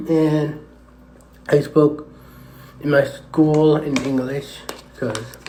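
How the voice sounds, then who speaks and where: A man's voice: a little high, fairly even intonation, dark tone, a little hiss or hum. A man chatting hesitantly on a live stream with lots of fillers, his voice echoing off the walls of a tunnel. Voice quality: hesitant, halting with many fillers. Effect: echoing tunnel reverb, voice bouncing around. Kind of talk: rambling live stream chat. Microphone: tablet microphone. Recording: echoey tunnel sound.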